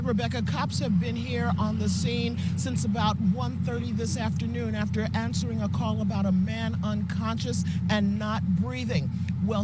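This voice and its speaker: A woman delivering live field news reports with an emphatic on-air delivery, recorded outdoors on location. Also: on the high side. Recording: outdoor field audio with faint noise.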